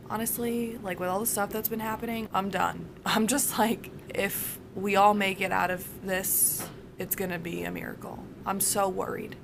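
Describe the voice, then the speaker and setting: A young adult woman vlogger with a hoarse smoker's rasp, as if her voice is giving out, chatting casually and rambling to the camera. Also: lowish voice, noisy background. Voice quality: raspy smoker's rasp, voice wearing out. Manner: rambling, acts out reported exchanges. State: hoarse, close to losing voice.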